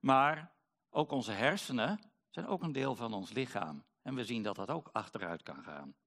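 A middle-aged man preaching a sermon, pausing often with fillers as he searches for words. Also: medium pitch, expressive, fairly bright tone. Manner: hesitant, many pauses and fillers.

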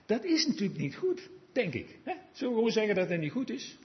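Delivering a sermon quickly and with lots of animation, this man has a high voice. He sounds chatty and confiding, slipping down to a murmur and then surging into emphatic, earnest exhortation. The recording is dull and lo-fi.

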